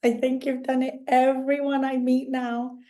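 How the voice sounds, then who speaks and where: A podcast host interviews a guest in a casual chat, her voice still worn as it recovers from a recent illness. She speaks high and level at a moderate pace with a warm tone, friendly and rambling, often restarting sentences.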